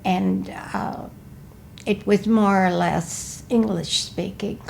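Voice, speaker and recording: A Milwaukee, Wisconsin woman in her eighties recalls her life in a recorded life-story interview, speaking slowly, carefully and in a measured way, often asking for questions to be repeated. Her voice is medium-pitched and gravelly with fairly even intonation, and there's a little hiss or hum.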